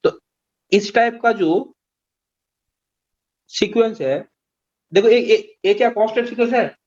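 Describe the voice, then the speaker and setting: A male maths teacher leads an online class, speaking slowly and stopping often to quiz his students. His voice sits high for a man. The audio is dull and lo-fi. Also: darkish tone. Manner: slow, patient questioning of students.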